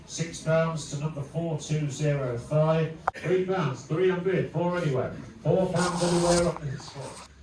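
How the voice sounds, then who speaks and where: A man's voice: on the high side, background noise. A British man working as an auctioneer, calling bids in a repetitive, clipped chant of numbers with bantering asides. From United Kingdom. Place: busy auction room. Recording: distant echoey room with loud crowd. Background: loud crowd chatter.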